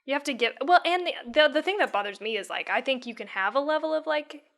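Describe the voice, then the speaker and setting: A woman co-hosting a podcast, talking casually with halting restarts and frequent swearing. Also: high voice, expressive, fairly bright tone. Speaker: podcast co-host. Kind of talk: casual chat about a horror film.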